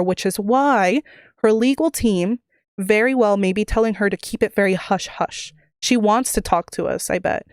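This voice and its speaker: A woman's voice: medium pitch, no room sound, clean studio sound. A woman livestreamer talking casually to her viewers, rambling with many fillers and restarts into a desk microphone at home. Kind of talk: casual live-stream chat.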